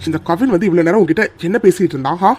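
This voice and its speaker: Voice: mid-range voice, very fast, darkish tone, faint music behind, natural voice. A performer voicing a young man in a cartoon, the caring best friend, pleading and comforting in an insistent way. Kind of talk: cartoon voice acting.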